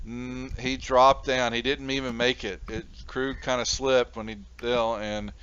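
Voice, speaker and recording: A man narrating casually as game master in a halting, informal way. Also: medium pitch, flat delivery, fairly bright tone, clear, resonant tone. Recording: muffled audio with faint noise.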